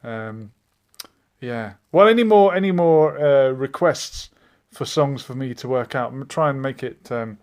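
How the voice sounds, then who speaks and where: A man's voice: mid-range voice, measured pace, a little mellow. Chatty man hosting a live stream. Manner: meandering and chatty, with frequent hesitations. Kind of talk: casual live-stream chat reading viewer comments.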